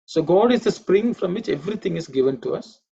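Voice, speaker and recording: Male Sanskrit teacher, gravelly and slightly raised voice, patient drilling, dull lo-fi line. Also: high voice, lively intonation, warm tone. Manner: patient, repeats pronunciations slowly. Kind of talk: online class lecture. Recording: dull lo-fi audio.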